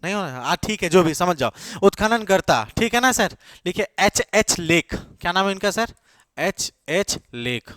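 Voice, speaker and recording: Slow, dictating male teacher. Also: high-pitched, fairly bright tone, no room sound, clean studio sound. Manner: repeats key words slowly for note-taking, checks with students. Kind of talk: classroom lecture, dictating notes.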